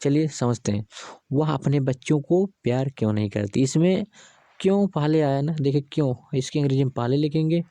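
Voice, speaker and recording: Guy teaching english grammar, keeps asking then answering, dark voice, dry close sound. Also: fairly high pitch, fairly quick, no echo. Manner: repetitive, patient teaching with rhetorical questions. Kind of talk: explaining grammar examples step by step.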